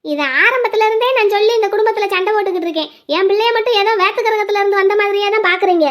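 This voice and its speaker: A woman with a very high voice performs a cartoon family drama. Her delivery is sing-song and dramatic, moving between mournful laments and sharp arguing. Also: rapid-fire. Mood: argumentative.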